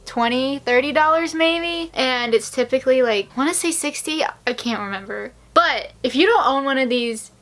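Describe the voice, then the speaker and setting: A woman's voice: high voice, normal speed, few pauses, fairly bright tone. A young woman chatting casually through a hair tutorial at home, rambling and joking at her own expense. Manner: chatty, self-mocking, rambling asides. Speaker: beauty vlogger.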